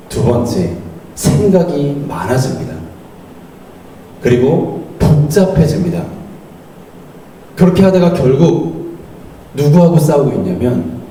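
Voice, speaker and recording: A middle-aged man preaching a sermon as an associate pastor, lively and animated, acting out quoted lines as he teaches. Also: medium pitch. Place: church hall. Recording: roomy church hall, mic at a distance, faint noise.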